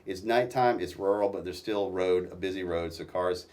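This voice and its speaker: A man telling his own story as a guest in a casual interview, halting and restarting often. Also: low-pitched, darkish tone, far from the mic.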